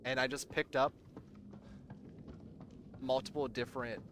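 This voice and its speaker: A man's voice: mid-range voice, steady tone, unhurried, background noise. A young man from Southern Virginia with a loose mix of American accents, chatting casually on a gaming livestream and answering his chat. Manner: rambling, answers chat, trails off. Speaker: gaming streamer. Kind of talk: casual live-stream chat.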